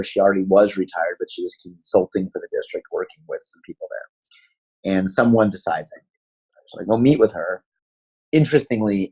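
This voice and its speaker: Man, 40s, New York accent, husky low voice, quick animated storyteller. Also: rough recording. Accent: New York City. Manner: fast-talking, animated storyteller. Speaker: school founder and principal. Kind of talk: podcast interview storytelling.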